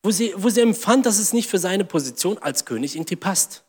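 A man's voice: sits high, animated, fairly quick, slightly rough, big-room sound. A man preaching a sermon, reading scripture aloud and acting out mocking inner voices.

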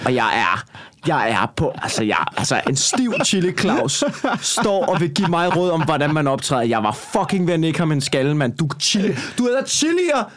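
A man's voice: a little high, sing-song, a bit bright. A man, a stand-up comedian with a Copenhagen Danish accent, telling a story in casual chat, rambling and swearing as he gets heated.

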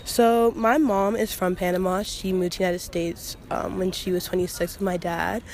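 Relaxed interviewee, mid-pitched voice. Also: moderate pace, slight background noise.

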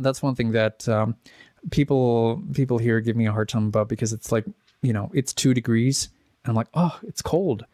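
Speaking in a mid-range, darkish voice, a Czech-born musician in his thirties wanders through anecdotes as an interview guest, often restarting and filling pauses. The chat is casual, and the studio-quality audio carries no room sound.

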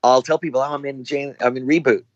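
A man's voice: mid-range voice, fairly even intonation, quick pace, no echo, muffled recording. A man, an actor as guest, telling rambling casual anecdotes and acting out quoted dialogue.

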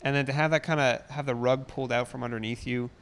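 A man's voice: medium pitch, fairly even intonation, fast talker, a bit bright, clean tone. A man who is a guest on the chat, talking casually as the groom in a reflective, hesitant way.

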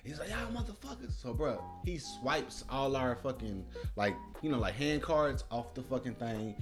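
A man's voice: medium pitch, normal speed. A man co-hosting a casual podcast, telling a story with profanity, acting out quotes in voices and saying "bro" a lot. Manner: says "bro" often. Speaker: podcast co-host. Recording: music playing loud behind the talk.

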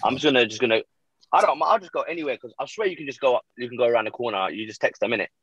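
London roadman guy chatting fast n slangy, dry but kinda dull lo-fi mic. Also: medium pitch, expressive, a bit bright, slightly rough, no room sound. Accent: London, urban roadman style. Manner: slangy, street-style London talk. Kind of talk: casual group chat.

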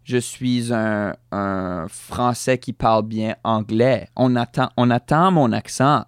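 Hesitant Fransaskois man, smooth voice. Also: medium pitch, slow, no room sound, studio quality. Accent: Fransaskois French. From Saskatchewan, Canada. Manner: hesitant, restarts words, mixes in English phrases. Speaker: guest musician. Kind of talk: casual podcast conversation.

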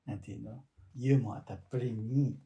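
A man's voice: medium pitch, fairly even intonation, brisk, warm tone. A man in his thirties co-hosting a casual podcast chat, laughing often, self-deprecating and using feminine speech forms. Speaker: podcast co-host.

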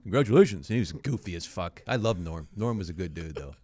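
A man's voice: low voice, a little fast, darkish tone. A man who used to play pro football, telling long, profane stories in casual chat. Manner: profane, rambling anecdotes. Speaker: former pro football player. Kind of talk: casual podcast storytelling.

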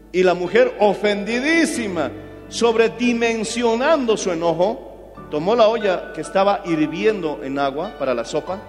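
A male pastor preaches with a fairly high voice, shifting into dramatic storytelling and acting out the people in his stories. His voice rings through a reverberant church hall over soft background music. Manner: dramatic storytelling, acting out quotes, calls listeners "my brother". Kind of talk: sermon.

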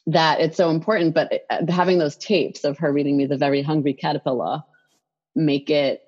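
A woman's voice: sits low, steady tone, fairly quick, a little mellow, breathy edge, dull audio. A woman who writes children's picture books, chatting in an interview with lots of fillers and restarts. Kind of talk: casual interview conversation.

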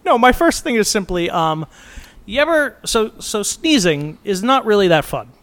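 A man's voice: high voice, sing-song, moderate pace, a bit bright. A man co-hosting a podcast in casual chat, playful and rambling, laughing often between his points. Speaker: podcast co-host.

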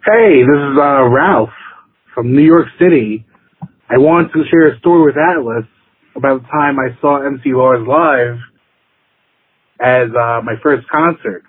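Husky man on a tinny phone voicemail. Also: mid-range voice, a little slow, no room sound. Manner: loose and rambling, with hesitations. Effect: heard over a phone line as a voicemail. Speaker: caller leaving a voicemail. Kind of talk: casual spoken voicemail.

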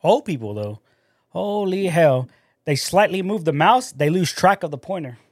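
A man co-hosting a casual podcast, rambling through work stories in an animated way and swearing a lot. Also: fairly high pitch, normal speed, dry recording, clean studio sound. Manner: rambling, profane, animated storytelling. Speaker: podcast co-host and store manager.

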